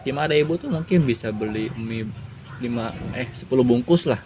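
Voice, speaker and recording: A man's voice: medium pitch, moderate pace. Young man telling stories over background noise. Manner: chatty storyteller with laughs, uses Islamic expressions. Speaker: guest. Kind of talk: casual interview. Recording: noisy background.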